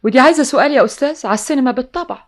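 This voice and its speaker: An actress with an Egyptian accent playing a haughty, demanding young housemaid in an old radio comedy. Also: female voice, high-pitched, rapid-fire. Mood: breezy, superior. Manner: haughty, bossy.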